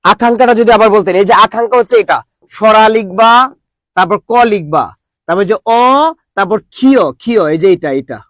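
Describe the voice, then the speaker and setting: A man's voice: sits high, a little fast, a bit bright, no echo. A young man teaching a live online Bangla class, joking with students and drilling them with call-and-response questions.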